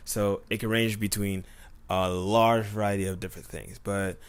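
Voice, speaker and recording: A man's voice: lowish voice, little pitch movement, moderate pace, clean tone, no room sound. A man in his twenties co-hosting a podcast, rambling and joking with lots of "you know". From Tampa, Florida. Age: 20s. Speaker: podcast co-host. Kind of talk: casual podcast chat.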